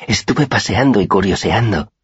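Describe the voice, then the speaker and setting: A man's voice: lowish voice, expressive, moderate pace, slightly rough, no room sound, voice pushed up. Auri, a dreamy whimsical girl, as a man voices her. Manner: wistful, childlike wonder. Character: shy dreamy young woman, gentle and whimsical. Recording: dry, slightly dull recording.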